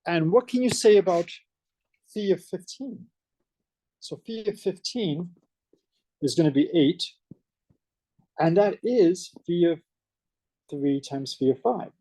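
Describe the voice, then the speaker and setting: A math professor with a Boston accent gives an energetic college lecture, slow and pausing often, in a voice that sits high, quizzing the class as he goes. The recording is dry and low in quality.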